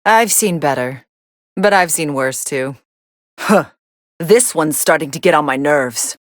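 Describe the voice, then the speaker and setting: An actress playing a cool, sardonic young female android, commentating on fights in a video game with a deadpan, dismissive delivery. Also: low voice, a little slow, no room sound, studio quality. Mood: dry, unimpressed.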